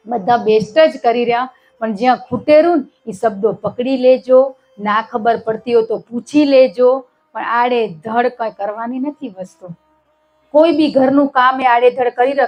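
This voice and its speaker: A woman's voice: fairly high pitch, poor audio. A woman giving a devotional satsang talk. She tells a parable and keeps asking her listeners short questions. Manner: acts out the characters' shouted lines. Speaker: spiritual satsang speaker.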